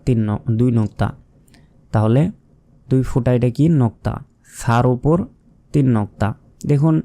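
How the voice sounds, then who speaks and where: Man, Bangladeshi Bengali accent, patient teacher, mellow smooth voice, repeats sounds slowly. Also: mid-range voice. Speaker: Quran reading teacher. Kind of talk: step-by-step recitation lesson.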